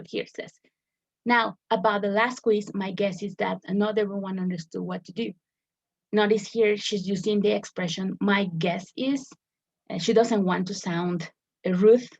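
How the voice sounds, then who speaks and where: A woman's voice: medium pitch, gravelly, darkish tone, breathy edge. A woman teacher explaining a lesson step by step, often repeating words as she searches for the phrasing. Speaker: English teacher. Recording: dull lo-fi recording.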